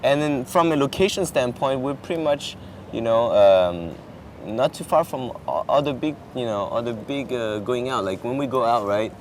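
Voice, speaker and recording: A young French-speaking exchange student chats casually on a campus lawn, his medium-pitched voice moving at normal speed with few pauses but plenty of fillers and restarts. A distant camera picks him up over outdoor traffic noise.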